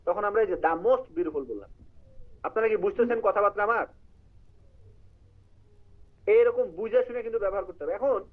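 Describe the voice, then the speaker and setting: A high-voiced man teaches an online English writing class at a quick clip. He explains grammar and puts questions to his students, with English terms scattered through his talk. His voice comes through a narrow, tinny line that sounds like a phone call. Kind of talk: live online class lecture.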